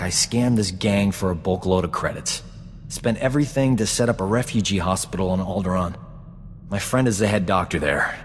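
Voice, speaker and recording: Actor as cocky, low-voiced space doctor, reverberant. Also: male voice, a little hiss or hum, natural voice. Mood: casual, scheming. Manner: smug, flirtatious, self-assured banter. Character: cocky, flirtatious male frontier doctor, smooth-talking adventurer. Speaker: video game companion character. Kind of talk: video game voice acting. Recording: long hall reverb, game music underneath.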